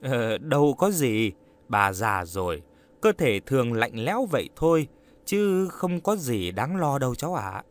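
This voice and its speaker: A man reading an audiobook, voicing a kindly, caring old village grandmother who fusses and gently scolds. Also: mid-range voice, big pitch swings, measured pace. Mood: fussing.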